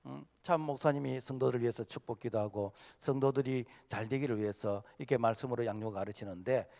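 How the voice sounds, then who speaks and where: A male senior pastor preaching a sermon, impassioned, full of filler "uh"s, swinging between loud outbursts and hushed passages. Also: mid-range voice, fast talker, creaky. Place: church sanctuary. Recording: long hall reverb of a church sanctuary.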